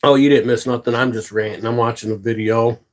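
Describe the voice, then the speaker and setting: A man's voice: medium pitch, fairly even intonation, a little fast. A man hosting a casual livestream, chatting with viewers and ranting with heavy profanity. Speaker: livestream host.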